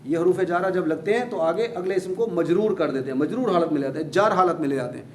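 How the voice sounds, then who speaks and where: A man teaching grammar to a class, repeating key points patiently and encouraging his students. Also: high-pitched. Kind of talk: classroom lecture. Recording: echoey room, faint background hum.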